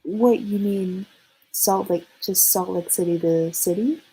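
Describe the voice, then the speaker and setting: A woman with an American accent chatting casually on a livestream, halting and hesitant, in short broken phrases. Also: mid-range voice, mellow, breathy edge, rough recording.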